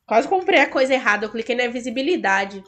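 A woman's voice: on the high side, animated, quick pace, fairly bright tone, faint music behind. A young woman co-hosting a gaming video, chatting casually with dramatic, playful complaining. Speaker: gaming co-host. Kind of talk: casual gameplay chat.

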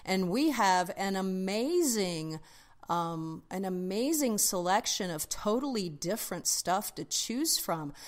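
A female photographer co-hosting a podcast, chatting casually and telling a story. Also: medium pitch.

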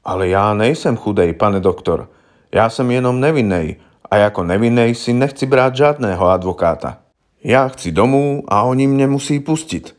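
A man's voice: mid-range voice, animated, lightly acted. A man voicing a simple, stubborn farmer who talks bluntly and plainly in a rustic way. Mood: indignant. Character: simple, stubborn middle-aged male farmer accused of murder.

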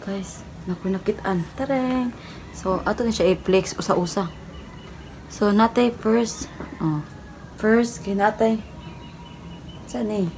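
A woman's voice: mid-range voice, slow pace, long pauses. A young woman doing a chatty, teasing comic parody of a live-selling stream. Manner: chatty, teasing, addresses viewers as guys. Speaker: comedy vlogger. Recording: loud background noise.

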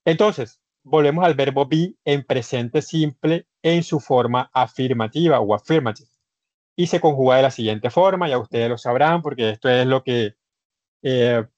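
A Colombian man explains English grammar to his students in a patient, repetitive teaching manner. His voice sits at an ordinary pitch. The recording is dry and somewhat muffled, like audio from an online session. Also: a little mellow, no echo. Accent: Colombian Spanish. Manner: repeats points, addresses students as usted.

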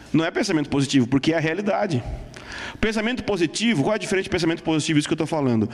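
A man with a notably high voice teaching a sermon on prayer, pressing each point home and stopping to check his listeners follow. His voice rings out with a long hall reverb behind it. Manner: emphatic, scripture-citing, checks in with the audience.

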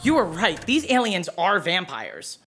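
A woman's voice: lowish voice, huge pitch swings, measured pace, fairly bright tone, soft background music, exaggerated voice. An actress playing a fierce, foul-mouthed female starship captain in an audio drama, brash and commanding.

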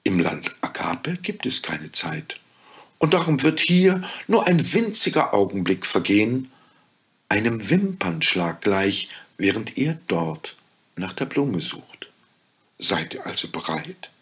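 Ein Mann spricht in einer Märchenlesung eine gütige Fee, leise, langsam und sanft. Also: male voice, lowish voice, sing-song, husky, full character voice. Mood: gentle. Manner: soft, slow and quiet. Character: gentle kind fairy woman, calm and wise.

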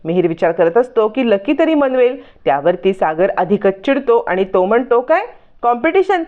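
A woman retelling a TV serial episode as a story, voicing the characters' lines in between her narration. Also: moderate pace. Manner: lively, voices the characters' lines with raised pitch. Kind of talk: storytelling recap with acted quotes. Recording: narrow phone-like sound.

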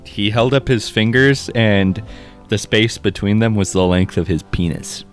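A man's voice: on the low side, a little slow, soft background music. A man co-hosting a podcast in casual comic banter, teasing and playing along with bits. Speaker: podcast co-host.

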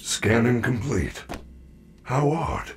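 A man voicing a gentle, caring robot bear animatronic in a video game, speaking in polite, formal, complete sentences. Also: mid-range voice, slow, background noise. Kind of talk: video game character dialogue.

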